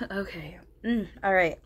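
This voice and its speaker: A woman in her thirties, a spirit medium, chatting to viewers in an informal, earnest and halting way. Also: medium pitch, pushed and bright. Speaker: spirit medium and video host. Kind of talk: casual vlog chat. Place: home living room. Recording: noticeable background room noise.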